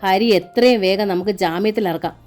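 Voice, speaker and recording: A woman's voice: medium pitch, fairly quick, a little mellow, faint music behind, close to an everyday voice. A woman voicing an elder brother who comforts his wife in a cracked, pleading voice. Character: older brother, broken but comforting.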